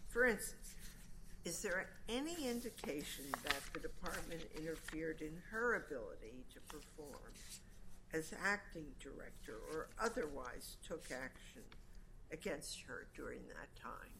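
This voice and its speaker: A woman presiding as an appellate judge, putting deliberate, probing questions to counsel during oral argument. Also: low-pitched, big pitch swings, background noise.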